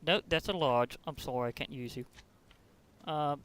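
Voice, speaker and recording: A man hosting a game video, chatty and excitable as he plays and comments. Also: fairly high pitch, normal speed. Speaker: host. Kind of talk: gameplay commentary.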